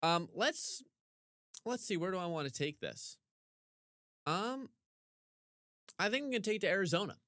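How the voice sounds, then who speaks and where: Man, podcast co-host, animated ranting, slightly hoarse, dry close sound. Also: moderate pace, long pauses, no room sound. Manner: animated, ranting with big pitch jumps. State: voice getting hoarse. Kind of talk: casual sports talk.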